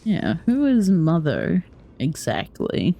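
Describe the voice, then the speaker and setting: A woman's voice: fairly low pitch, huge pitch swings, slow pace, vocal fry, warm tone, a little hiss or hum. A woman giving casual let's play commentary, informally musing aloud as she plays and reads along. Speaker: gaming streamer.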